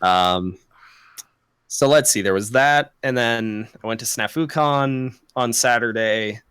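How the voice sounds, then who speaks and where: A man's voice: medium pitch, takes it slowly, a bit bright, clean tone, no echo. Young man, casual podcast chat, resonant voice, rambling, profane, laughing. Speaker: podcast co-host.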